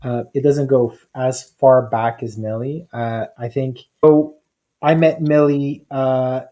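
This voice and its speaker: A man's voice: medium pitch, steady tone, slow, dark tone, poor audio. Easygoing man with hesitant fillers. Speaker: guest, executive coach. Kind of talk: casual conversation.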